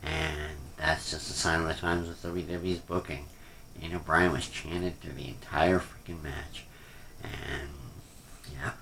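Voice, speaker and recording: A man's voice: very deep voice, steady tone, unhurried, vocal fry, pushed and bright, a little hiss or hum. A man giving a casual, off-the-cuff rant review, rambling and hesitant, often trailing off, with a critical, unimpressed manner. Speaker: wrestling pay-per-view reviewer.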